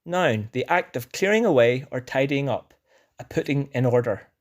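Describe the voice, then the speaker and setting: A man's voice: mid-range voice, lively intonation. Northern Irish man reading an educational script. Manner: measured dictionary-style delivery with definitions and examples. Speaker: language teacher presenting a word list.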